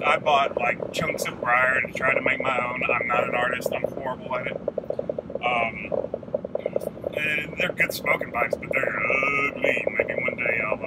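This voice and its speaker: A man in his thirties giving a rambling, relaxed video reply from inside a pickup truck, stopping now and then to puff on a pipe. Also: medium pitch. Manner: rambling, relaxed, with restarts and drawn-out pauses; talks while smoking a pipe. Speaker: vlogger. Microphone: phone or camera mounted on the dashboard. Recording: loud road and engine noise.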